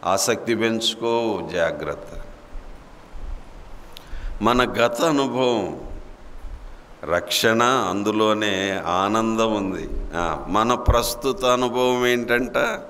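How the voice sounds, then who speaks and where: A man's voice: fairly low pitch, very slow, pauses often, a bit bright. A man preaching a sermon as pastor, exhorting his congregation, asking them questions and having them repeat points aloud. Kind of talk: sermon with call-and-response teaching. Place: church hall. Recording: echoey hall with faint background noise.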